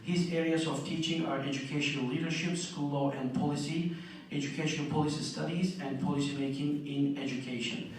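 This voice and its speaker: A man's voice: a little high, steady tone, brisk. A man hosting a conference, introducing the keynote speaker and reading his bio aloud, stumbling over the name. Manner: apologetic, stumbling over names. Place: large hotel auditorium. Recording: very echoey hall from far off.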